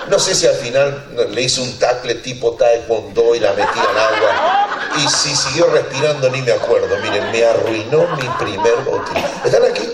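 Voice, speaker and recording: A man preaching a sermon as a pastor, telling a funny story with lots of laughter and acted-out voices. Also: mid-range voice. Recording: roomy church hall, distant mic, congregation audible.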